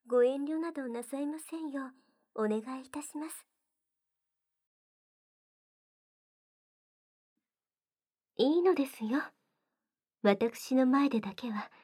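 A woman voicing a gentle, devoted young maid in an ASMR roleplay, speaking softly and very formally, often in a whisper. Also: sits high, normal speed. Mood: coaxing. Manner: soft-spoken, very formal polite speech, often whispered.

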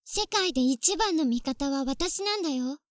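A woman's voice: high-pitched, expressive, normal speed, no room sound, studio quality. A woman voicing a clingy, possessive younger sister on a phone call, sweet at first and coldly jealous underneath. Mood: menacing. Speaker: voice actress in phone-call role-play. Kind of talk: phone-call role-play drama.

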